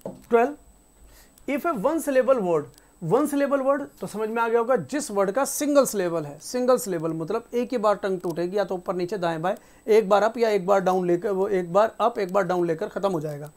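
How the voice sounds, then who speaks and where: A woman teaching spelling rules in a casual classroom style. She reads each rule out slowly and repeats the example words. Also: mid-range voice, a little mellow. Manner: casual, conversational teaching with frequent checks like "theek hai". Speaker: English teacher.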